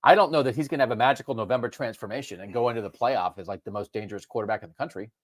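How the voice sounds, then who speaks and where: A man co-hosting a casual sports talk show, animated and jumping up in pitch to stress points. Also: rapid-fire, no echo, clean studio sound. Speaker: co-host.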